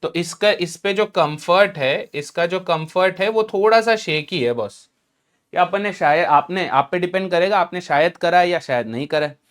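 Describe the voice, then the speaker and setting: A man's voice: high voice, moderate pace, fairly bright tone. A man teaching exam strategy in a casual, emphatic lecture, mixing in English and asking rhetorical questions.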